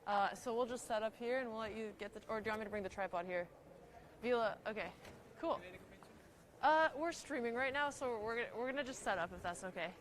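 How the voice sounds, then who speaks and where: Speaking quickly in a slightly high voice, a young woman addresses her viewers in an upbeat, casual live-stream chat while walking. There's a little hiss or hum on the audio.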